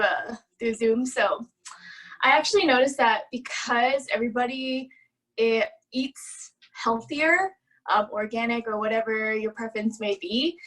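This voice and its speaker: A woman's voice: a little high, a bit bright, rough recording. A breathless woman speaking with bubbly enthusiasm on a video call. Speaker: newcomer guest. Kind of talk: casual Zoom talk.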